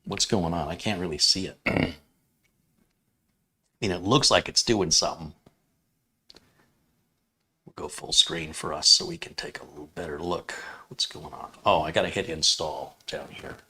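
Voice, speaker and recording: A man with a fairly low voice co-hosts a live stream in a relaxed, conversational way. He reads viewer comments aloud and answers them, slipping in dry, teasing humor. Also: normal speed, pauses often, slightly rough. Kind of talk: casual banter and reading viewer chat aloud.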